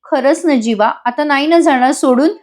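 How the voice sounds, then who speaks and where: A woman voices a hurt, stubborn young wife, refusing in firm, clipped lines. She speaks at normal speed in a high register, pitched above her own voice but close to an everyday voice.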